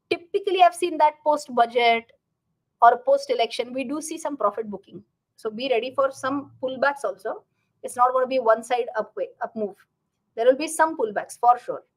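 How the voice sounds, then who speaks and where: Higher-pitched Indian woman hosting a live stream. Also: low-quality recording. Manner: chatty, slips Hindi phrases into English. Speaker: live stream host and finance teacher. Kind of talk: casual live stream Q&A, reading and answering viewer comments.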